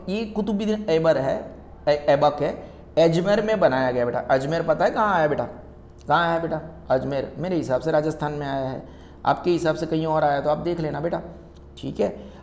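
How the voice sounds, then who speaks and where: A man's voice: a little high, a little mellow, slight background noise. A young adult man teaching a classroom lecture in mixed Hindi and English, chatty and repeating his questions to the students. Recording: echoey room, dull lo-fi sound.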